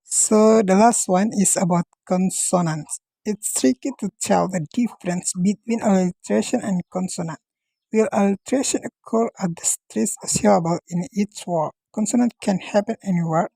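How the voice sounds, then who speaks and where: Woman, student presenter, mellow tone, dry close sound, steady reading. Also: mid-range voice, normal speed, vocal fry, dry recording, low-quality recording. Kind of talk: class presentation read from notes.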